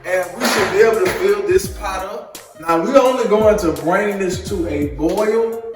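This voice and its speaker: Guy with a high voice teaching a recipe, chatty and preachy, boomy echo, music playing. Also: moderate pace, far from the mic. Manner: chatty, joking, preachy asides to viewers. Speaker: home cook teaching a recipe. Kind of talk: casual cooking tutorial.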